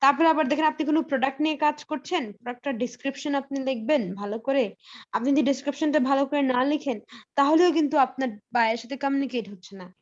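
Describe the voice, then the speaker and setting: A woman's voice: high voice, racing. A woman teaching English in a live online class. She explains step by step with many fillers and slips English phrases into her talk. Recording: slightly dull lo-fi audio.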